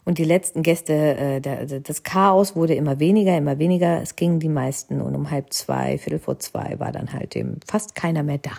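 A woman recounts her own wedding in a loose, rambling storytelling style, tagging her sentences with little questions. Her voice sits low and sounds dark and gravelly, with a husky grain. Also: a little fast, hardly any pauses. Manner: rambling, constant tag question "ne?". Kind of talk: casual storytelling.

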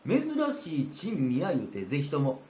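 Man as scheming master of the house, rakugo, Kansai accent, conspiratorial, lively pitch, faint room noise. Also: moderate pace, lightly acted. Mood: hushed. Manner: sly, conspiratorial. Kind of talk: rakugo storytelling. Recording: roomy with faint ambience.

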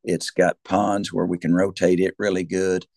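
A man's voice: low voice, little pitch movement, moderate pace, a little mellow, dry recording, studio quality. A man with a rural Southern US accent talking as a cattle rancher, explaining things conversationally in a folksy, rambling way with repeated words and restarts. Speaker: cattle rancher, interview guest.

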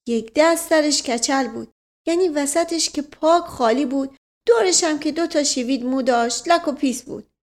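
A woman's voice: high-pitched, a little mellow, pitched above the performer's own voice, natural voice. Woman doing a folksy old male servant. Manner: folksy, drawn-out, repeats his stock phrase.

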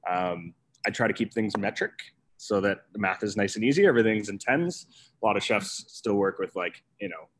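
A man's voice: fairly low pitch, normal speed, husky. Easygoing man, rambling chef chat. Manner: relaxed and rambling, many fillers and restarts. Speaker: executive chef, guest. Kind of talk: casual conversational storytelling.

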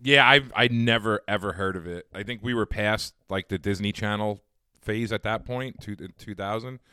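A man's voice: fairly low pitch, moderate pace, bright, forceful tone, smooth, no echo, clean studio sound. A man co-hosting a podcast, chatting casually and laughing often. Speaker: podcast co-host. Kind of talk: casual chat.

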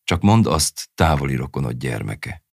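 A man voicing a stern, weary male herder and father in an audiobook story, terse and low-key. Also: lively intonation, gravelly, husky, no echo, studio quality, heavily acted. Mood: grave.

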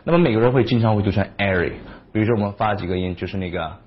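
A man's voice: fairly low pitch, rapid-fire, slight background noise. A man teaching English pronunciation in a casual, chatty lesson, dropping English example words into his talk. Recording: dull lo-fi sound.

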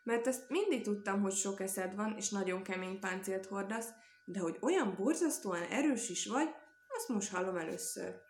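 Woman doing kind polite hostess lady, flattering everyone, storybook reading, echoey room. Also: medium pitch, slight background noise, lightly acted. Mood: curious. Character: kindly gracious hostess, a housewife.

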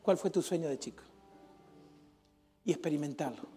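A man's voice: fairly high pitch, moderate pace, mellow, soft background music. A middle-aged man, a pastor with an Argentine accent, preaching a storytelling sermon to a church congregation, telling funny anecdotes that rise into fervent exhortation. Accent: Argentine Spanish. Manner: humorous, acts out dialogue, builds to fervent exhortation.

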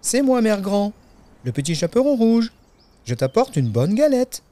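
A man voicing a polite, innocent little girl in a storybook, high and light, with wide-eyed exclamations. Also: very animated, a little slow, dark tone, no room sound. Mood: cheerful.

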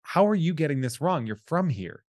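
A man hosting a podcast, chatting casually and jokily while reading out listener shout-outs. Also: on the high side, big pitch swings, a little fast, no echo, studio quality. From New England. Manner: rambling, jokey, reads listener shout-outs. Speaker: podcast host. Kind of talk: casual chat.

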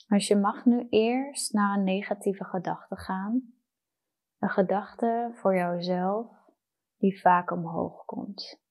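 A woman guiding a meditation in a soft, soothing, unhurried manner with long pauses. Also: mid-range voice, steady tone, highs cut off. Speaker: meditation guide. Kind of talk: guided meditation.

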